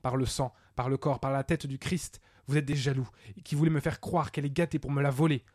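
Un homme qui interprète un vieux peintre, fier et tourmenté, à la voix haute et tendue, déclamant avec passion. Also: male voice, fairly even intonation, a little fast, darkish tone, no room sound, studio quality, close to an everyday voice. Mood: defiant. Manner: declaiming, highly emotional. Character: old male painter, proud, then desperate.

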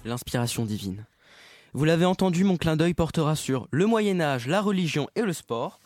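A man's voice: on the high side, expressive, moderate pace, a little mellow, faint music behind. A man co-hosting a comedy sports show, joking in a dry, self-mocking and ironic way. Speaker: chronicle writer and co-host. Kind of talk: dry comic banter.

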